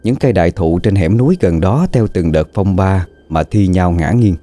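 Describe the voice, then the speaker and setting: A man narrating a scripted horror story in a slow, dramatic, suspenseful way. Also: low-pitched, dark tone.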